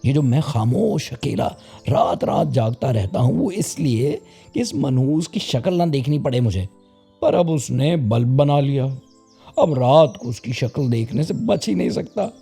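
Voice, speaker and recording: Man voicing a gravelly old owl, grumbling and grave, storybook. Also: mid-range voice, lively intonation, mellow, soft background music, voice pushed up. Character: wise old male owl, grumpy.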